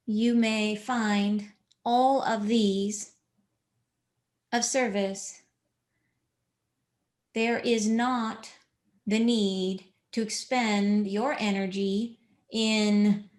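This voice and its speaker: A woman channeling a spiritual message in a slow, measured, solemn way, speaking as a collective. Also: mid-range voice, a little mellow.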